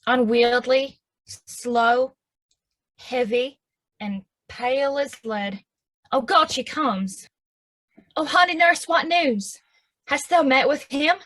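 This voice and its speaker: A woman's voice: sits high, slow, long pauses, a bit bright. An actress playing an impatient young girl in love with a Southern US accent, pleading eagerly in verse. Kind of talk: stage acting of verse drama.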